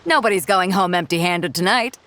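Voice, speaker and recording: A woman's voice: on the low side, brisk, a bit bright, a little hiss or hum, lightly acted. A woman voicing an easygoing, generous ship captain in a video game cutscene, breezy and casual.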